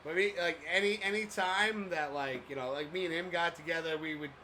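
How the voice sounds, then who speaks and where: A man's voice: on the high side, a little fast, sharp tone, slight background noise. A man co-hosting a live sports stream, chatting casually and rambling with lots of fillers while reading out viewer messages. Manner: loose and rambling, many fillers and restarts.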